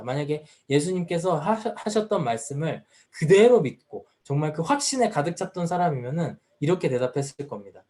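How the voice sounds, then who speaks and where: A man's voice: a little high, darkish tone. A man preaching a sermon at a youth service as the pastor, earnest and full of rhetorical questions. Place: church.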